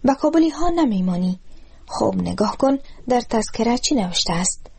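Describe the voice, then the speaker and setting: A woman voicing a rough, bullying young armed man who barks taunting orders in a storybook reading. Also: on the high side, animated, darkish tone, slight background noise. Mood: menacing. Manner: harsh, taunting commands.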